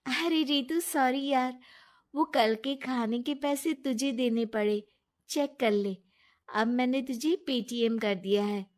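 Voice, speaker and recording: A woman voicing a kind, trusting young woman friend in a storybook tale, with a lively, soothing way of talking. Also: high-pitched, takes it slowly, pitched above the performer's own voice. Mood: friendly.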